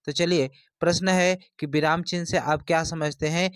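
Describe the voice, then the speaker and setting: A man's voice: fairly high pitch, fairly even intonation, normal speed, fairly bright tone, clean tone, no room sound, clean studio sound. A man teaching an exam-prep lesson, explaining step by step and repeating his points.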